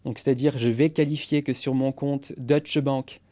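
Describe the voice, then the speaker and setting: Mellow-voiced man explaining business strategy. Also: medium pitch, normal speed. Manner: energetic, explanatory, sprinkles English business jargon. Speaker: podcast guest, go-to-market consultant. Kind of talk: conversational podcast interview.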